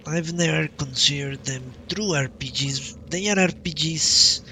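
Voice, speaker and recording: A man streams a video game, unhurriedly thinking aloud as he casually comments on his play over prominent game music. His voice is on the high side, pushed and bright, with a little hiss or hum.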